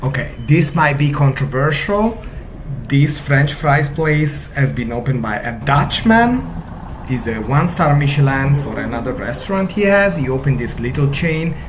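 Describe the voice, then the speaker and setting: A man's voice: medium pitch, lively intonation, moderate pace, background noise. A man in his forties chatting as he guides a food tour, eager and talkative. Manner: enthusiastic, chatty. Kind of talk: casual food tour chat. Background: music.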